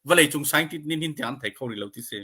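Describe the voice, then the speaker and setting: High, bright-voiced man giving a slow talk. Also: lively intonation, slightly rough. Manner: deliberate, mixes English terms into his speech. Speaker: speaker at a community support livestream. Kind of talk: informal educational talk.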